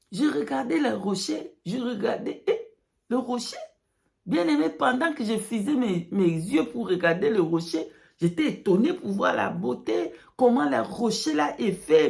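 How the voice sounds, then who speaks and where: Female preacher, higher register with fry, non-native broken French sprinkled with English, emphatic testimony to the faithful. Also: a little mellow. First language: not French. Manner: emphatic, repeats phrases for effect. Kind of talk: religious testimony addressed to followers.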